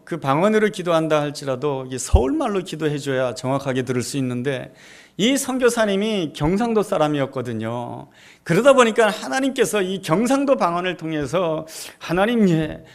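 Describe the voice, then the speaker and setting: High-voiced preaching pastor, man. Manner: emphatic preaching that swells to fervent peaks. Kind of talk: sermon. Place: church sanctuary.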